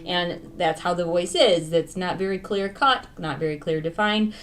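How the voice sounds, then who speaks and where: A woman voice teacher talks singers through a warm-up in a fairly low speaking voice. She explains registers in a plain, instructive way while a piano plays clearly behind her. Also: normal speed. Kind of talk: vocal warm-up lesson.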